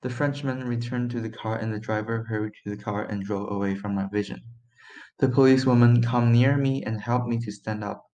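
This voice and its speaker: A man's voice: on the low side, fairly even intonation, fairly quick, a little mellow. A teenage boy reading his own historical story aloud for young children, in a plain voice with occasional stumbles. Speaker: student reader.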